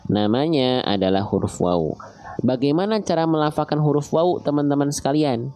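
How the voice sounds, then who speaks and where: A man teaching Quran recitation online, slowly repeating and drawing out recited phrases and asking his listeners questions. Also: fairly high pitch, dark tone. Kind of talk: online tajwid lesson.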